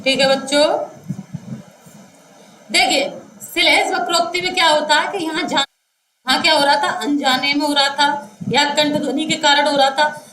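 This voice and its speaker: A high, bright-voiced woman teaches a class at an unhurried pace. She dictates slowly, repeating each phrase word by word and calling her students children. The sound is echoey, with a faint room hum behind her. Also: steady tone. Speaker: Hindi teacher. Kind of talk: classroom lecture explaining grammar.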